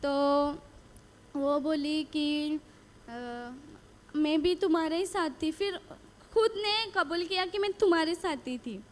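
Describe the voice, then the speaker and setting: High-voiced woman. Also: slow. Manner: earnest storytelling, repeating phrases and quoting dialogue. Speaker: retreat speaker giving testimony. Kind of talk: personal faith testimony.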